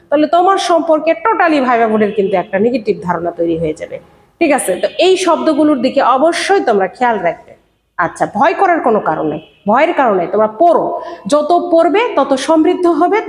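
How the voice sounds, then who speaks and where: A woman teacher giving an exam-preparation lesson, explaining patiently and speaking directly to her students, sometimes slowing down to sound out words. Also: sits high, darkish tone. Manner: demonstrates pronunciation slowly, word by word. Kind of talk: online exam-prep lesson. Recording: echoey room with long reverb.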